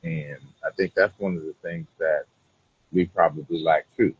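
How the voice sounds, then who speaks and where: A man's voice: low-pitched, steady tone, normal speed, breathy edge, lo-fi sound. A man talking casually as an interview guest, rambling and often checking in with the listener. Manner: rambling, repeats "you know what I'm saying". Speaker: cigar brand owner being interviewed.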